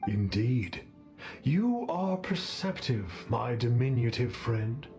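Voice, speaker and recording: Slow, pompous self-styled celestial sage. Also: male voice, medium pitch, big pitch swings, loud music behind the voice. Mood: grandly condescending. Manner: pompous, archaic, grandiloquent speech. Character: pompous masked man posing as a lofty celestial adept. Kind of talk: theatrical video game dialogue.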